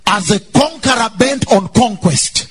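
A man's voice: extremely high pitch, faint music behind. A man preaching a sermon in English phrase by phrase for an interpreter, in a sing-song, exclamatory way.

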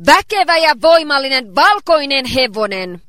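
A woman interpreting a sermon phrase by phrase, relaying each line in a steady way. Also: sits high.

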